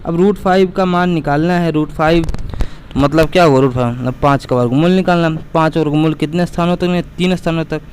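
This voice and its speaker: Math teacher guy, slightly high voice, goes over steps again and again, bit of street noise. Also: fairly quick, darkish tone. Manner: patient, repetitive, addresses students as beta. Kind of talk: explaining math lesson to students.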